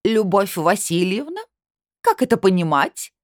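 A loud, indignant woman official, voiced by a female reader, shrill and accusing in a storybook reading. She sits a little higher and louder than the narration, recorded dry and close. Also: very animated, normal speed, no echo. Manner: shouting, indignant.

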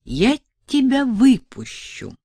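A woman's voice: on the high side, huge pitch swings, takes it slowly, mellow, breathy edge, no room sound, voice pushed up, heavily acted. A woman voicing an awkward, polite man who speaks in a subdued, apologetic way. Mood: calm.

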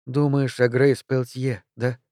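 A man voicing a tender young woman, the hero's lover, in a soft hushed tone. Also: mid-range voice, flat delivery, slow pace, no room sound, clean studio sound, lightly acted.

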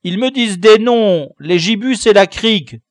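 A man's voice: high voice, lively intonation, normal speed, no room sound, clean studio sound, voice pushed up. A man voicing a sly, sulky schoolboy who whines his denials in a storybook. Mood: whiny.

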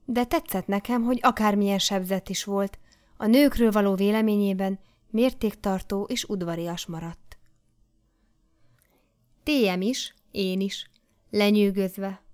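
A woman reading a memoir aloud as an audiobook, with measured and expressive storytelling. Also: medium pitch, clean tone. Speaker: audiobook reader. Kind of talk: scripted memoir narration.

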